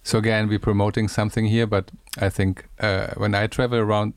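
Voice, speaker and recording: German man hosting a podcast, low and dry. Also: little pitch movement, smooth, no room sound. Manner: halting, many fillers and restarts. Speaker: podcast host. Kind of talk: casual podcast chat.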